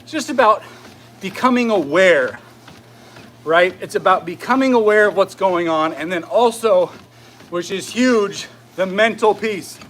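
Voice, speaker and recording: A man giving a casual motivational fitness talk as a coach while walking briskly on a treadmill, often checking in with "right?". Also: high-pitched, lively intonation, fairly bright tone, slight background noise. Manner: conversational, often tags phrases with "right?".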